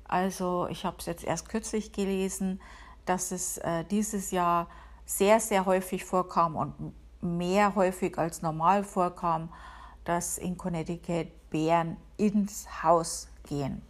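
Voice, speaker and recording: A woman hosts a casual solo podcast from home. She talks in a chatty, self-ironic way and keeps her voice fairly low. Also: steady tone, slow. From Upper Palatinate, Bavaria, Germany. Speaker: podcast host. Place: home, working from home.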